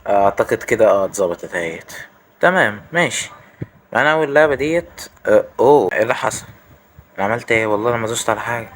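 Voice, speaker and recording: A man's voice: on the low side, expressive, quick pace, a bit bright, slight background noise. A man with an Egyptian accent giving casual, jokey let's-play commentary, chatting straight to his viewers. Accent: Egyptian Arabic. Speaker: gaming YouTuber.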